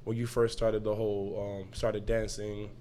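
A young man hosting a podcast in a casual, slang-heavy chat; lively, laughing often and restarting sentences. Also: on the low side, moderate pace, slight background noise. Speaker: podcast host.

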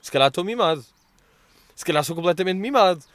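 A young man with a European Portuguese accent hosting a podcast, telling stories in a casual, slangy, animated way and acting out what others said. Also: high-pitched, quick pace, no room sound. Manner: slangy and animated, acts out quoted dialogue with exaggerated voices. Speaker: podcast host answering listener questions. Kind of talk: casual storytelling chat.

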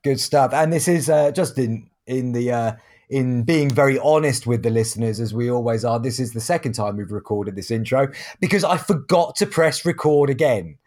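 A man's voice: mid-range voice, normal speed, a little mellow. A man hosting a podcast in a chatty, self-deprecating, casual way. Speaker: podcast host.

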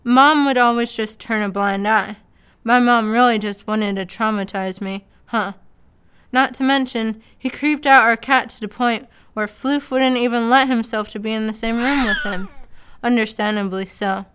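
A woman's voice: fairly high pitch, steady tone, normal speed, a bit bright, clean tone. A woman narrating a comedic story in a casual, sarcastic way. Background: faint background music.

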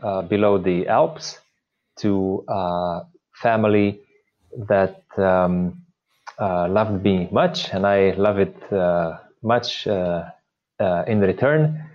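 Man, Slovenian accent, priest guest, low voice, dull lo-fi audio, hesitant. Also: fairly even intonation. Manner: hesitant, many filler pauses. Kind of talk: interview conversation.

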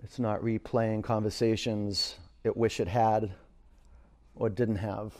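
A man's voice: lowish voice, flat delivery, slow, darkish tone. A man teaching a yoga class, giving short, direct cues and reflective guidance, often repeating phrases for emphasis. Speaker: yoga instructor.

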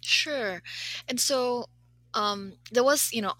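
A woman's voice: fairly high pitch, takes it slowly, sharp tone, no echo, low-quality recording. A woman professor from Malaysia and Canada talking as an interview guest, thoughtful and hesitant with many fillers. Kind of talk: casual interview conversation.

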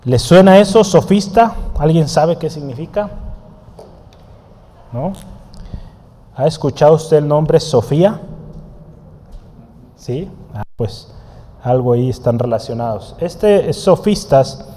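A man leading a Bible study lesson in a slightly high but mellow voice. He talks in a conversational way, checking in with his listeners through frequent questions. Long reverb from the hall trails behind his words. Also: animated, slow pace, pauses often. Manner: writes on a board while teaching. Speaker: Bible teacher.

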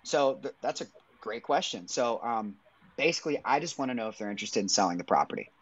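A man's voice comes through a slightly dull, muffled audio feed. He talks through practical advice in a relaxed, conversational way, with plenty of "I mean" fillers. His pitch is in a medium range. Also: quick pace, no room sound. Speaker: guest sharing business advice. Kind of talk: casual chat.

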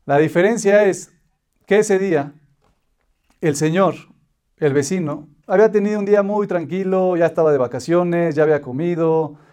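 A man with a fairly high voice teaches a Torah lesson. He tells a parable and explains it patiently, stacking short repeated phrases one after another. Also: normal speed, darkish tone, smooth. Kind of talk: religious lesson with a told parable.

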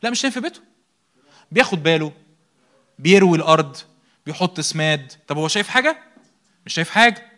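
Young Egyptian preacher, bright and brisk, pounding points home with self-answered questions and repeated words. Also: male voice, fairly high pitch, animated. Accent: Egyptian Arabic. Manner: rhetorical questions answered by himself, emphatic repetition. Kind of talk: sermon.

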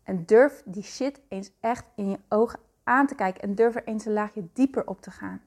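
A woman speaks straight to the listener in an earnest, coaching tone. Her voice sits at an ordinary middle pitch, steady and direct. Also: moderate pace. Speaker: self-love coach. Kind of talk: motivational talk to listener.

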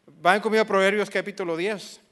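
A man with a fairly high voice delivers a sermon from the pulpit. He keeps asking his listeners pointed rhetorical questions and briefly acts out everyday voices. He switches into English words now and then. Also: steady tone, a little fast, a bit bright. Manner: emphatic preaching with rhetorical questions; slips into English phrases. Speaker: pastor.

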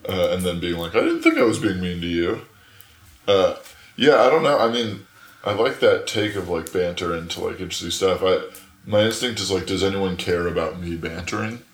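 Low gravelly young man, rambling casually. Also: sing-song, brisk. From Arizona, USA. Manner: filler-heavy, rambling, laughs often. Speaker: podcast guest. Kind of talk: casual chat. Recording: echoey room.

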